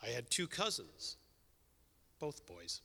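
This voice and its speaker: An older man telling a personal story on stage in a wry, conversational way, with quick asides and dropped endings. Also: mid-range voice, big pitch swings, gravelly, pushed and bright, slightly rough. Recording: long hall reverb.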